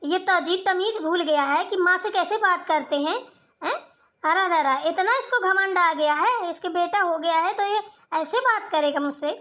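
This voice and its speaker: A scolding old mother-in-law, voiced by a woman in a cartoon, sharp-tongued and proud. The voice sits very high and bright, with a piercing edge. She nags without letup. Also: normal speed. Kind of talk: Hindi cartoon voice acting.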